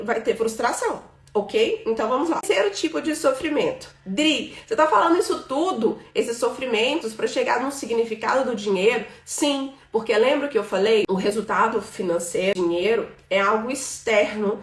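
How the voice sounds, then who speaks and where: Recorded from a distance in a roomy space, a higher-pitched Brazilian woman in her thirties teaches a live class as a financial mentor. She's talkative and packs her speech with fillers, checking in with the audience in the room through "né?" and "tá bom?". It's an informal lesson delivered live.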